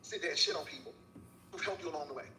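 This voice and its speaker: A man with a high, bright, sharp voice lectures a rival in a scolding, preachy monologue. He sounds set back from the mic in an echoey room, with a faint hiss underneath. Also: rapid-fire, recorded from a distance. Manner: scolding, preachy, repeats her name. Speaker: YouTuber in a clip. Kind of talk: heated monologue addressing a rival.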